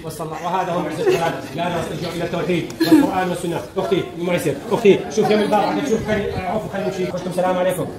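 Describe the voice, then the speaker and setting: A man, a faith healer leading a public healing session, loud and commanding as he urges people on. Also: sits high, very fast, hardly any pauses. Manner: loud, commanding, urging and encouraging. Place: large indoor hall. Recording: echoey hall from far off, loud crowd.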